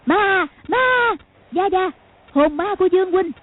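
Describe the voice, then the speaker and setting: A woman voicing a terrified, simple-minded young woman in an audiobook, shrill and stammering. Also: lively intonation, measured pace. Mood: panicked shrieking. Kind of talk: audiobook character voice. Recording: tinny phone-like sound.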